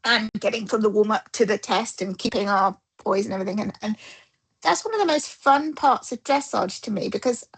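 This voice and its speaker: A middle-aged dressage rider and coach tells stories as a guest in a casual interview. Her voice is medium-pitched, brisk and gravelly with a breathy edge, and she animatedly acts out the quoted dialogue. The audio quality is poor.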